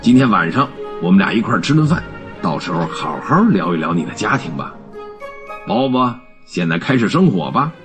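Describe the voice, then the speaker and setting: A man voicing a gruff old male miser turned kindly boss in a storybook reading, with a low, husky growl. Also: big pitch swings, a little fast, music in the background. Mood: warm. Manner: low growling, then warm and generous.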